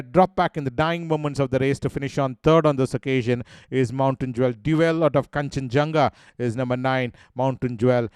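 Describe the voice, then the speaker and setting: Smooth-voiced Indian racing previewer. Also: male voice, medium pitch, no room sound. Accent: Indian English. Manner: steady listing delivery with frequent "uh" fillers. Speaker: horse racing preview presenter. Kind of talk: race preview commentary over replays.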